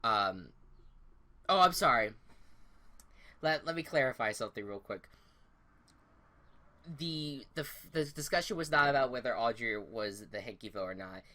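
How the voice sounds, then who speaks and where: A man's voice: mid-range voice, normal speed, pauses often. A young man co-hosting a podcast, recapping events in a loose, rambling way with lots of restarts and self-corrections. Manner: animated retelling that acts out quotes. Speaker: podcast co-host. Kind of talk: casual TV show recap.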